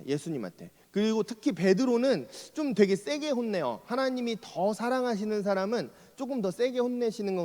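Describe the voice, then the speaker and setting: Male pastor, higher register, storytelling sermon, acts out quotes; long church reverb. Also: darkish tone. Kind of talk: conversational sermon. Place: church sanctuary.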